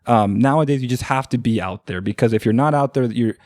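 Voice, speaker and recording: A man's voice: medium pitch, a little fast, a little mellow, no echo, studio quality. A man from Oregon, a marketing agency owner, talking as a podcast guest in a rambling, filler-heavy way that leans on "like" and "right?". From Oregon, USA. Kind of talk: casual podcast chat.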